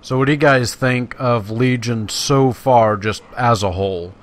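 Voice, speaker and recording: Speaking at a measured pace in a mid-range voice, a let's play host chats with his viewers in a folksy, conversational way while commenting on his gameplay. Video game sounds play in the background.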